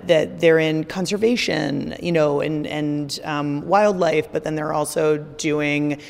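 A woman's voice: low-pitched, fairly even intonation, takes it slowly, gravelly, a little mellow, long reverb tail, a little hiss or hum. A woman hosting a podcast interview, chatty and casual, full of you-knows. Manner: chatty, laughs easily, lots of you-knows. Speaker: podcast host.

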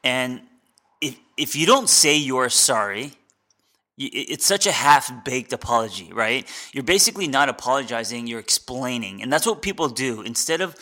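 Male podcast host, life coach, bright forward tone, earnest and unpolished, talks straight to the listener. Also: medium pitch, expressive, normal speed. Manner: earnest, conversational, frequent restarts. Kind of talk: unscripted solo advice talk.

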